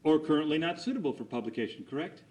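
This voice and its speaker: A man's voice: fairly high pitch, lively intonation, quick pace, a little mellow, a little hiss or hum. Formal man cross-examining a witness. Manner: formal, methodical, ends statements with a clipped questioning "correct?". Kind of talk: cross examination, leading questions.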